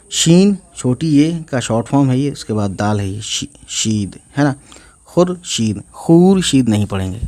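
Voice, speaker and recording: Man slowly spelling out Urdu words. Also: medium pitch, darkish tone. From India. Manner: slow, spells out letters and repeats each word; frequent "guys" and "okay" check-ins. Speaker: Urdu teacher. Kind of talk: online reading lesson.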